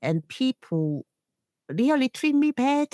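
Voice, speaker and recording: Speaking slowly in a high, warm voice with big swings in pitch, this middle-aged woman gives an earnest, personal account as a guest in an interview. English isn't her first language, which shows in her phrasing, and she works as an internationally trained nurse and leader. The studio sound is clean, with no room noise.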